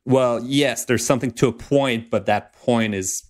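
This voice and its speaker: A man's voice: medium pitch, unhurried, a little mellow. Man telling rambling personal stories. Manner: rambling, anecdotal storytelling. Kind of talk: casual podcast chat.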